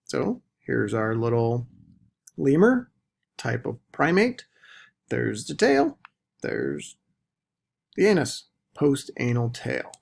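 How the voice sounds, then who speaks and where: A man teaching a recorded biology lecture, deliberately stressing the key terms. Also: mid-range voice, wildly swooping pitch, vocal fry, breathy edge. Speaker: biology instructor.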